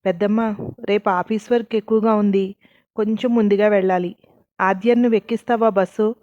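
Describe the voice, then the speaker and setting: A woman's voice: medium pitch, steady tone, a little fast, dark tone, no echo, lo-fi sound, natural voice. A woman voicing a determined young woman in a storybook reading, speaking firmly and directly. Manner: firm, direct.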